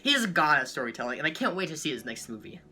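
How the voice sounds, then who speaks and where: A man giving a rambling, excitable life update to his viewers as a small YouTuber, full of fillers and quick laughs. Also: on the high side, music in the background. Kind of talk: casual chat to camera.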